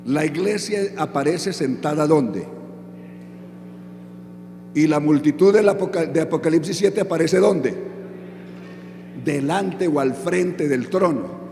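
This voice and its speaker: A man's voice: fairly high pitch, slow, long pauses, warm tone, slight background noise. A man preaching a sermon who keeps asking the audience questions and then answers them himself. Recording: echoey hall with music underneath.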